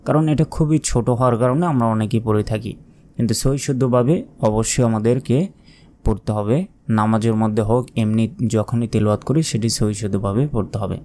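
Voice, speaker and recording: A man with a Bangladeshi Bengali accent teaching Quran recitation, calmly and patiently repeating each word. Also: mid-range voice. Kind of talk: religious lesson with slow recitation.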